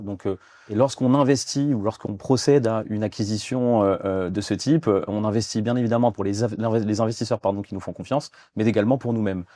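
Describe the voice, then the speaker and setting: Hesitant man in his thirties, low voice. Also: dark tone, no room sound, clean studio sound. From France. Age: 30s. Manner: hesitant, many fillers and restarts. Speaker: guest, fund development director. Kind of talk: business interview.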